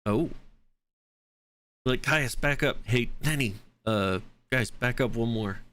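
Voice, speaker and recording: A man's voice: medium pitch, slow pace, a bit bright. A man chatting casually as a player in a tabletop role-playing game.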